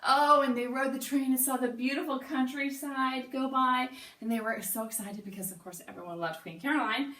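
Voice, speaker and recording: A woman music teacher telling an animated, playful story in a lesson for young children. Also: high-pitched, normal speed.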